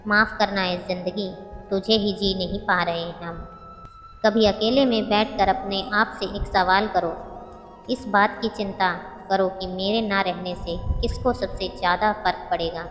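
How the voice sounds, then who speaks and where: A woman reading short motivational sayings as scripted narration, in a measured, reflective way. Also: mid-range voice, fairly even intonation. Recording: long reverb with background music.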